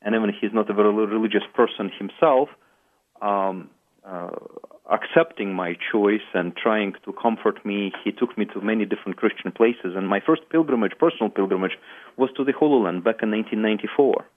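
A middle-aged man from Latvia speaks as a guest priest on a radio show. His voice sits on the low side and he answers in a measured way, pausing and hesitating often. The sound is narrow and phone-like, as if coming through a radio. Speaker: guest priest and pilgrimage tour founder.

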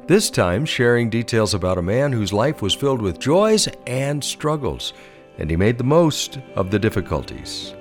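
A man announcing a radio broadcast in a smooth, expressive scripted delivery. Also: mid-range voice, normal speed, faint music behind.

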